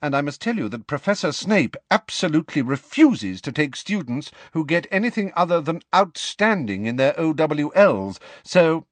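Audiobook role: male reader as strict older female professor, raised pitch, swooping emphasis, clipped, haughty, icily curt. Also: big pitch swings, normal speed, few pauses, dry recording. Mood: businesslike. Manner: clipped, curt, through gritted teeth when provoked. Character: stern, crisp, older woman professor, dry and haughty.

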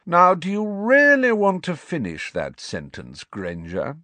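A man voicing a sneering teenage schoolboy bully who drawls his words in a high, mocking tone. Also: huge pitch swings, unhurried, sharp tone, dry recording, exaggerated voice.

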